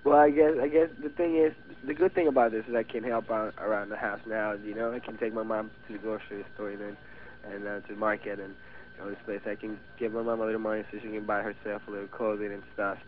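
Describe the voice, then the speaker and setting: With a fairly low, steady voice and quick pace, an eighteen-year-old guest actor with a Venezuelan Spanish accent, a native Spanish speaker, chats hesitantly in an interview and restarts often. Faint hiss runs under the tinny, phone-like radio audio.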